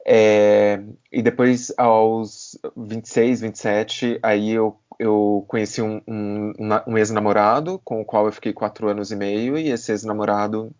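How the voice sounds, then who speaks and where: A man's voice: fairly low pitch, fairly even intonation, a little slow, hardly any pauses, a little mellow. A man in his thirties hosting a podcast, thinking aloud in a reflective, hesitant way, often repeating words and restarting. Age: 30s. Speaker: podcast host. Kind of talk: reflective casual chat. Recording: slightly dull podcast audio.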